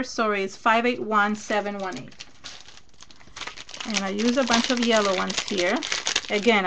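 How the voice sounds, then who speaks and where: During a live craft session, a woman from Venezuela chats in English colored by a Spanish accent, her mid-range voice showing a noticeable gravelly fry. Background noise is audible as she thinks aloud while she works and answers comments from viewers.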